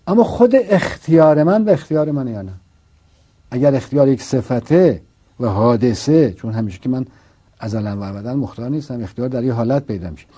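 Dark husky man teaching philosophy. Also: mid-range voice. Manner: argues with rhetorical questions and repetition. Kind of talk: didactic philosophical explanation.

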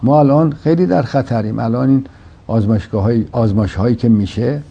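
A man in a reflective religious discussion, explaining slowly and quoting scripture. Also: medium pitch, vocal fry, mellow, breathy edge. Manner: measured, explanatory, quotes Quranic verses. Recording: dull lo-fi sound.

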